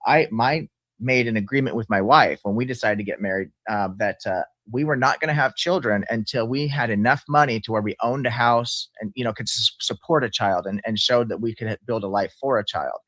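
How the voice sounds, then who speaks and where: A man's voice: mid-range voice, brisk, fairly bright tone, dry recording. A man in his fifties in a casual discussion, talking earnestly and at length, sometimes laughing as he explains. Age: 50s. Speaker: channel host.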